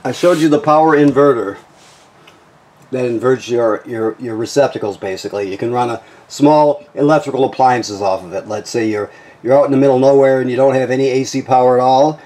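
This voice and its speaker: The audio is poor, but you can hear a man with a medium-pitched, slightly mellow voice speaking fairly quickly. He's an RV walkthrough technician giving a casual, instructional walkthrough of a travel trailer, inside and out, explaining plainly and often making sure he's followed.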